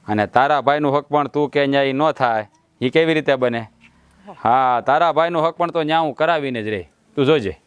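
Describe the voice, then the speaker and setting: Playing the proud village husband in a family drama, a middle-aged character who brags he'll sort things out, a man speaks with boastful, blustering swagger. His medium-pitched voice is fairly quick, close to everyday speech, with a clean tone and no echo.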